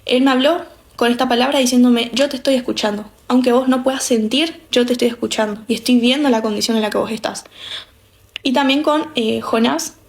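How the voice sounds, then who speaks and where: A woman's voice: a little high, steady tone, fairly quick. A young woman from Argentina with an Argentine accent, giving an earnest, reflective personal faith testimony with frequent restarts. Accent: Argentine Spanish. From Misiones, Argentina.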